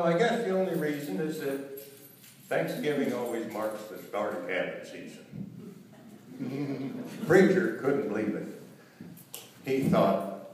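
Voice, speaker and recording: A man with a folksy cowboy drawl recites humorous cowboy poetry live, telling rhymed stories in a theatrical way. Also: mid-range voice. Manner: theatrical rhyming storyteller delivery. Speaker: cowboy poet performing on stage. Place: echoey room with live audience. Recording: roomy echo, distant mic, faint noise.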